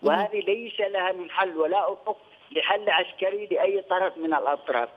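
An older man from Yemen, a studio guest on a news interview, talking in a measured way and repeating phrases, heard over a phone line. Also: sits high. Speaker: studio guest, former press union head.

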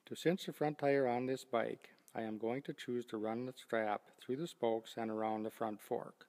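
An older man giving a steady, scripted step-by-step demonstration of loading bikes onto a rack. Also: medium pitch, normal speed, in a large hall. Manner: steady, methodical step-by-step explaining. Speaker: product demonstrator. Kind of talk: scripted instructional narration.

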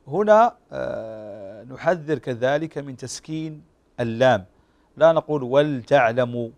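A man teaching Quran recitation rules on a TV program, slowly demonstrating how each word is pronounced. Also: medium pitch. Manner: slow, drawn-out demonstration of pronunciation; explains calmly with frequent fillers. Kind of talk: tajweed lesson on a TV show.

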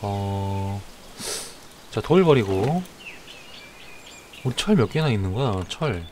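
A man commentates his survival game live in a chatty running narration, bursting into loud excited shouts when creatures attack. His voice sits at an ordinary middle pitch. A steady wash of noise runs behind him. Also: unhurried. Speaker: game streamer.

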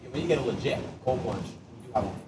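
A man's voice: medium pitch, animated, fast talker. A young man in casual, slangy, insistent banter, recorded outdoors. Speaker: challenge participant sitting in an ice bath. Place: outdoor driveway at night. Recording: noisy echoey outdoor stream, distant mic.

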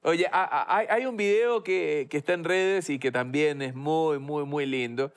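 A man's voice: on the high side, a little slow. A man hosting a TV interview in a studio, asking playful, teasing questions. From Ecuador. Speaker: TV host.

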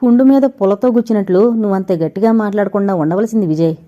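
An easygoing young man, read by a woman narrator, joking lightly in a relaxed, mellow voice. He is a character in a storybook audio novel. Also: mid-range voice, quick pace, dull audio, close to an everyday voice. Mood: wry.

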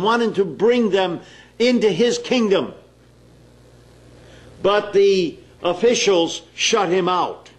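A man preaching a sermon in a slow, deliberate, emphatic way, pausing between phrases. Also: high voice.

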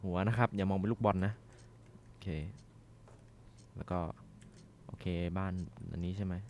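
A young man commentating a horror game as he plays, swearing and shouting when startled. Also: sits low, steady tone, normal speed. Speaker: gaming streamer.

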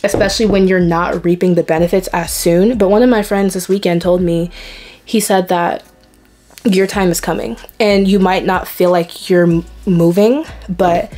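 A woman's voice: fairly low pitch, normal speed, mellow, faint music behind. A young adult woman vlogging to camera in a casual, candid and confiding way.

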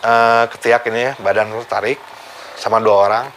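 A man, casually recounting a personal story for his vlog, animated and chuckling now and then. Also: on the low side, fairly quick, slight background noise. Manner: animated, chuckles while telling, acts out the quoted voices. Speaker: vlogger recounting his accident.

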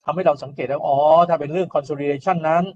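A man's voice: on the high side, fairly even intonation, fast, darkish tone, dull audio. A male engineering lecturer giving an informal recorded lecture. He explains step by step and often checks in with "right?". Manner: explains step by step, often asks "right?" and adds polite particles.

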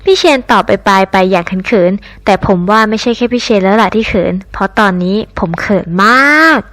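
A woman narrating a scripted audio novel in an even, storytelling way. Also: medium pitch, a little fast.

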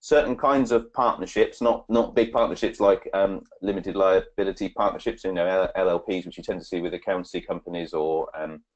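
A man giving a webinar presentation and answering questions, halting with many fillers and restarts. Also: low voice, steady tone, lo-fi sound.

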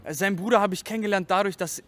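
A man's voice: sits high, rapid-fire, fairly bright tone. A man in his twenties from Germany, a rapper guest chatting casually and telling stories in slangy, loose talk. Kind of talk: casual chat.

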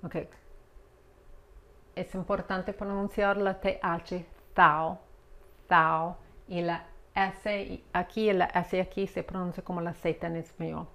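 A woman giving a patient pronunciation lesson, repeating words slowly and checking in with "ok?" after each step. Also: on the low side, little pitch movement. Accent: American English accent on the English words. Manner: patient, drills words slowly, asks "¿ok?" often. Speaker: English pronunciation teacher.

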